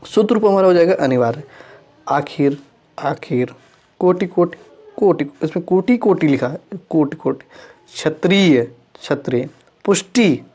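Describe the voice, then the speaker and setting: A male Hindi grammar teacher with a fairly high, slightly mellow voice leads an exam-prep lesson. He reads out correct and incorrect spellings, saying each word twice and correcting himself along the way.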